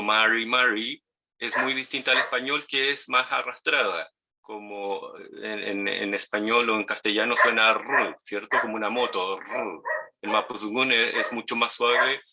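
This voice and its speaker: A man with a Chilean Spanish accent teaching a language lesson, patiently repeating and modeling each word slowly. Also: mid-range voice, creaky, background noise. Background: dogs barking nearby.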